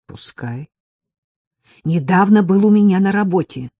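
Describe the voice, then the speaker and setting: A woman reading an audiobook, voicing a calm, stubborn young woman who answers patiently and curtly. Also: mid-range voice, a little slow, no echo, voice pushed up. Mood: firm. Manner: patient, curt, firm.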